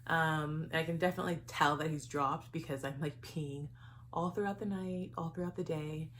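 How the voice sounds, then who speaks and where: A woman's voice: deep voice, fairly even intonation, normal speed, a bit bright, a little hiss or hum. A young woman chatting casually in a vlog, a bit out of breath, giggling and saying um often. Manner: chatty, giggly, with many ums. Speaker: vlogger.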